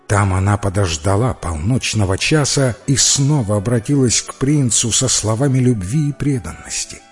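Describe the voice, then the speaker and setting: A man reading a fairy tale aloud in a calm, expressive storybook narration. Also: on the low side, moderate pace. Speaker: audiobook reader. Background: faint music.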